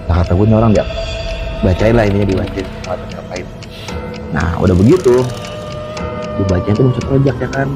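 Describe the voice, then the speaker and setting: A man's voice: on the low side, quick pace, long pauses, over music. A man, telling a true horror story in casual chat and acting out the quotes with laughter. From Jakarta. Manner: animated, acts out quotes, laughs often. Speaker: storyteller guest.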